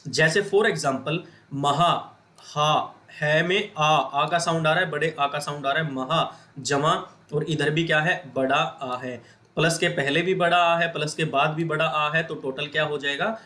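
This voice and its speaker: A man's voice: a little high, fairly even intonation, measured pace, bright, forceful tone. A man with a Hindi accent teaching a grammar lesson, asking the viewers questions and answering them himself. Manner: repetitive question-and-answer explaining, addresses viewers as friends.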